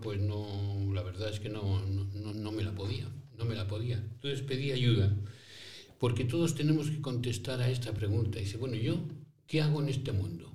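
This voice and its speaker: A man's voice: mid-range voice, dark tone, lightly acted. A man playing an old male priest who founded schools for poor children, telling his story in first person with rhetorical questions and little acted-out dialogues. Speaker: interviewee in character. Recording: roomy echo, voice from a distance.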